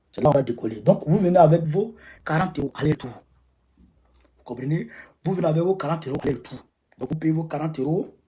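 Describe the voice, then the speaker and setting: Emphatic man, dark voice. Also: on the high side. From Côte d'Ivoire. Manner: emphatic, repeats phrases, exhorting. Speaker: livestream host rallying supporters. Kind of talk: casual live-stream address. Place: at home.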